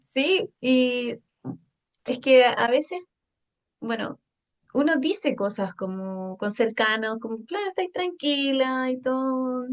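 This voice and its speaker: A woman chats as a guest on a podcast, easygoing and unhurried. Her voice is a touch higher than most and her pace very slow. She sounds set back from the microphone. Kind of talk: casual conversation. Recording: voice distant from mic.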